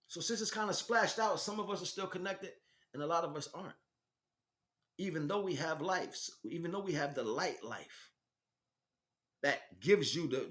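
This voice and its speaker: A man acting as a teacher preaches an impromptu spiritual monologue, emphatic and delivered in short, repetitive bursts. His voice is a little high, with a fairly bright tone.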